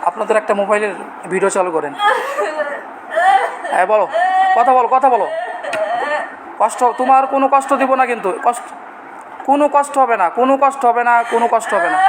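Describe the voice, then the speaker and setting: A man leading an exorcism ritual, coaxing a patient to speak and shouting prayers and threats. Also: very high voice, a little fast, pauses often. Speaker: exorcist healer. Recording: loud background noise, live room.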